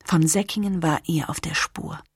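A woman narrating a historical novel as an audiobook, expressive and dropping to whispers in tense moments. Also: sits low, moderate pace, husky, no room sound, clean studio sound.

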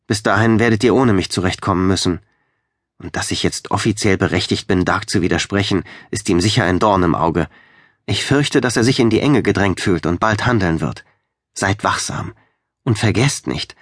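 A man's voice: low-pitched, normal speed, dry recording, studio quality. A man voicing an earnest young woman. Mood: worried. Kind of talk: audiobook reading.

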